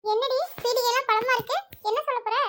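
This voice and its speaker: A woman acting out an anxious mother in a storybook drama, prodding her sister for news and exclaiming. Very high and quick in delivery. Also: steady tone, a bit bright.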